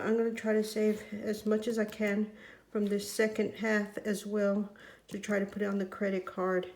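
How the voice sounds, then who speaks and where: Squeaky-voiced middle-aged woman, even pitch. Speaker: budget vlogger. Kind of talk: casual monologue reviewing household finances.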